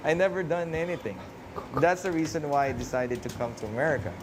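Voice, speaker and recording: A man's voice: a little high, fast talker, background noise. A man from the Philippines, a chef and restaurant owner, giving short, plain and candid answers in a casual interview.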